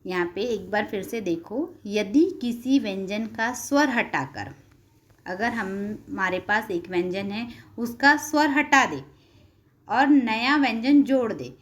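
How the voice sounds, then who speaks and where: Slow, patient woman teaching a class. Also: medium pitch. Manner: patient, repeats terms and asks check questions. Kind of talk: classroom lesson explanation.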